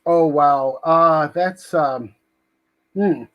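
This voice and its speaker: A man's voice: fairly high pitch, very slow, highs cut off. A man co-hosting a casual film review chat, hesitant and searching for his words. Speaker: podcast co-host.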